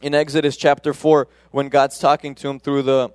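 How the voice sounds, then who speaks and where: A man preaches in a relaxed, conversational way, often stopping and restarting his sentences. His voice is smooth and resonant. It is recorded dry and close, with little room sound. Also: medium pitch, moderate pace, no echo. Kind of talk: casual sermon.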